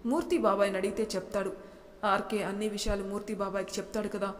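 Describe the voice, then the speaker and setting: A defiant young bride, voiced by the woman narrator speaks with stubborn resolve. A middle-pitched voice with a long reverb trailing after it. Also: level tone, quick pace, lightly acted.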